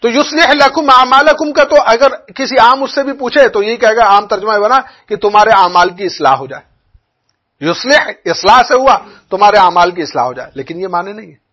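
A man's voice: sits high, animated, a little fast, fairly bright tone. A man teaching a religious lesson on Quran recitation, explaining with everyday examples and often asking if listeners understood.

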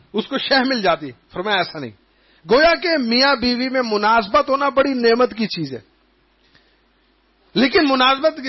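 A man with a notably high voice delivers an Islamic sermon, spinning lively anecdotes and slipping into the voices of the people in his stories. The recording is dull and lo-fi. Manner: animated storytelling, acting out quoted voices. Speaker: preacher.

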